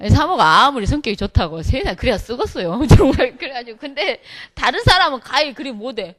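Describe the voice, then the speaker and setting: A middle-aged woman, a pastor's wife, telling a humorous church testimony with lively storytelling, acting out what others said. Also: high-pitched, brisk. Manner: lively storytelling, acts out quotes, laughs often.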